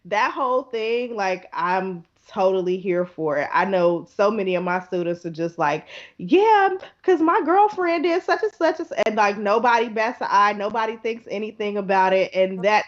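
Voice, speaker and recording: A woman who teaches, speaking with excitement in a relaxed podcast chat and laughing as she puts on her students' voices. The audio is dull and lo-fi. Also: mid-range voice, moderate pace, few pauses.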